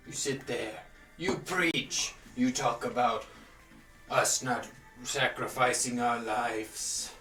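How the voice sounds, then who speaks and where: A man voicing a proud, bitter male fire giant in a tabletop game, declaiming slowly and with scorn. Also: medium pitch, sharp tone, distant mic, exaggerated voice. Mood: bitter, scornful. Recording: roomy, off-mic, music behind.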